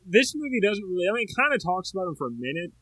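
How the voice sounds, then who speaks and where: A man co-hosting a podcast, chatting casually about a movie in an animated, rambling way. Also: high voice, very fast, husky, no echo. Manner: animated, rambling, full of filler words. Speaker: podcast co-host. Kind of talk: casual movie review chat.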